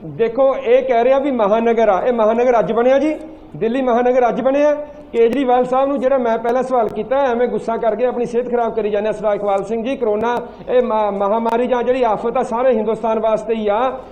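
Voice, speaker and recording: A man's voice: very high-pitched, fairly even intonation, brisk, dark tone. A man calling into a political panel debate, arguing insistently and repeating himself to get the floor. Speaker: panel guest on the phone. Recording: dull lo-fi phone line.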